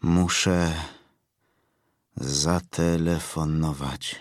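A man voicing a grief-struck man who speaks quietly and lifelessly. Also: low-pitched, slow pace, dry recording, studio quality, voice pushed down. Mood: numb.

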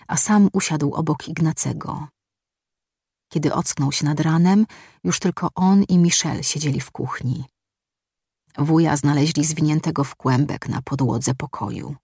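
A woman narrating a novel as an audiobook in a calm, even reading voice. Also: deep voice, husky, no echo, studio quality. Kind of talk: scripted narration.

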